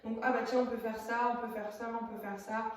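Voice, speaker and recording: Speaking a little high, fairly quick and with a flat delivery, a woman drama teacher leads a casual video lesson. She's chatty, hesitates a lot and demonstrates while talking, picked up by a far-off phone camera in a strongly echoing room.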